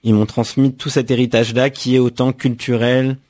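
A man's voice: mid-range voice, level tone, moderate pace, a little mellow. Thoughtful young man, hesitant restarts. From France. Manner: thoughtful, frequent restarts and repeated words. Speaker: author guest. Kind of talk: reflective radio interview answers.

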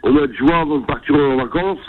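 A middle-aged man with a raspy smoker's voice calling a radio phone-in to pitch classified ads, haltingly and repeating words. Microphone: telephone. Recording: narrow-band phone line.

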